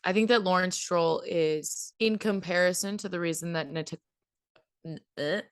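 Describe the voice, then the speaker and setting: A woman's voice: lowish voice, moderate pace, clean tone. A young woman co-hosting a podcast, chatting casually, giggly and rambling. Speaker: podcast co-host. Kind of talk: casual chat.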